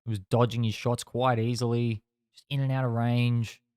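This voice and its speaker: A man's voice: medium pitch, level tone, normal speed, darkish tone, smooth, dry recording. A man chatting casually and bluntly through live fight commentary, swearing now and then. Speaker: boxing watch-along podcast host.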